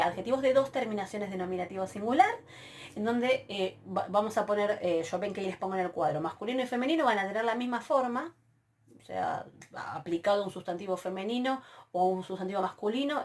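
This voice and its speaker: A woman giving a recorded university lecture on grammar, patiently checking in with "¿sí?" and slowly spelling out word forms. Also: medium pitch. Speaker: Greek teacher.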